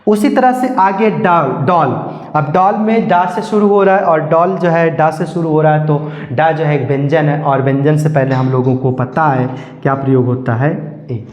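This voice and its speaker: A man teaching an English grammar lesson, drilling each word slowly and asking questions he then answers himself. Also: on the high side, darkish tone. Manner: slow, repetitive drilling of words, asking and answering his own questions. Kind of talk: classroom-style grammar lesson. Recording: echoey room with long reverb.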